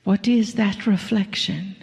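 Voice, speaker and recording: A woman channeler addresses a live audience with a slow, drawn-out message, sliding now and then into breathy whispers. Her voice has a gravelly, fry-laden edge. A long hall reverb trails every phrase. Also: mid-range voice, fairly even intonation, a little mellow. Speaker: spiritual channeler.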